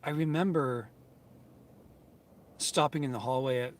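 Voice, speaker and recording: Speaking at a measured pace in a medium-pitched voice, a man in his fifties from the United States chats with viewers of his YouTube channel. His vlog talk is earnest, thankful, and meandering, full of fillers and false starts, with a little hiss or hum in the background.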